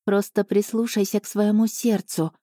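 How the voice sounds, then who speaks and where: An ancient female spirit of an island pleads in a slow, solemn audiobook voice, put on by a woman narrator. The tone is mellow and dark, recorded close and dry. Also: mid-range voice, level tone, no room sound, natural voice. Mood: solemn earnest. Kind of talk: audiobook reading.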